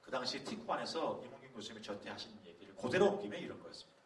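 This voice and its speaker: Animated man preaching in a roomy hall. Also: mid-range voice, very fast. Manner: animated storytelling, acting out quoted voices. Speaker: pastor. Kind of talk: sermon-style talk at a youth leaders' camp. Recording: roomy hall from a distance, faint background noise.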